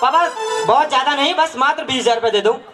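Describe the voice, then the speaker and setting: A man's voice: extremely high pitch, fast, bright, forceful tone, faint music behind. A man acting a pampered teenage son in a stage skit, wheedling money from his father.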